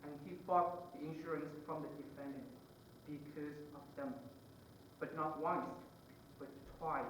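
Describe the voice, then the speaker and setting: A young man from Vietnam, giving an earnest, halting closing argument to a jury in a mock trial. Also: on the high side, fairly even intonation, a bit bright, a little hiss or hum. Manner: earnest, halting, with many pauses between phrases. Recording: echoey room, voice far from the mic.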